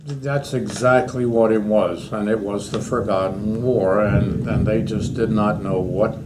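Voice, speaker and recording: An old American man in his eighties speaks with a fairly low voice. He is a veteran looking back on his past, wandering from one anecdote to the next as an interview guest. The recording has clear background noise and room ambience. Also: fairly even intonation, a little slow. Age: 80s. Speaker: war veteran being interviewed. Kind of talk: reminiscing in an oral history interview.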